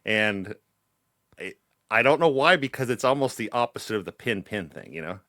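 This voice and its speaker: A man's voice: lowish voice, animated, normal speed, fairly bright tone, dry recording, studio quality. A man from Central California hosting a podcast, telling rambling stories in casual chat full of swearing. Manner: rambling storytelling, swears a lot. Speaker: podcast host.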